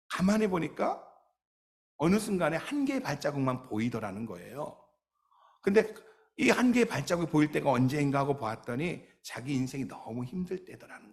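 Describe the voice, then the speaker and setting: A male pastor delivering a sermon. He tells stories emphatically and adds touches of light humor. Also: medium pitch.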